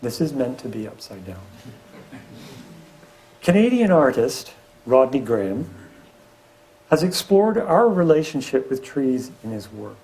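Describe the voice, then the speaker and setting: A man's voice: medium pitch, a little slow, pauses often, low-quality recording. A middle-aged man, a professor and landscape architect, giving a public lecture with slides and dropping wry asides. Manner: lively delivery with wry asides.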